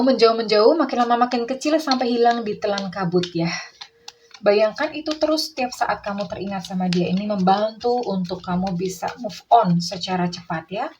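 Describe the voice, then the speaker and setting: A tarot reader who calls herself Bunda and addresses the listener as "darling" guides a relaxation exercise, coaxing softly and repeating words. Her voice sits at medium pitch, and the poor audio carries a slight hiss or hum.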